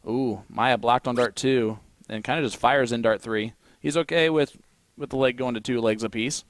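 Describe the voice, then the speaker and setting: Seated at the commentary desk of a darts tournament, a man with an Indiana accent gives play-by-play of the match at a normal speed. His voice is mid-range, and he spends time joking with and teasing his co-commentator.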